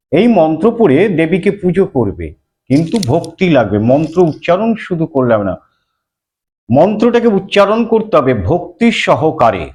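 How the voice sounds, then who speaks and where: Slow, lively high-voiced man teaching scripture. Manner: recites verses then explains them, chants mantras slowly. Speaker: religious teacher. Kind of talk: scripture explanation.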